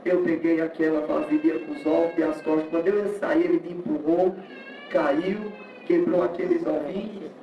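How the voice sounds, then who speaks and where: High-voiced Brazilian man in an echoey hall. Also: fairly even intonation, normal speed, faint music behind. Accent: Brazilian Portuguese. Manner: storytelling, acting out the voices in his story. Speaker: church member giving testimony. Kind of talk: emotional testimony in church. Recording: echoey, distant, lo-fi room recording.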